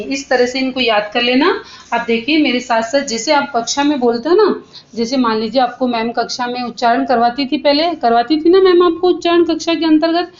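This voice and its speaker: A woman's voice: on the high side, lo-fi sound, slight background noise. A woman Sanskrit teacher giving a grammar lesson to children, asking questions and answering them herself and calling her pupils "beta" with affection.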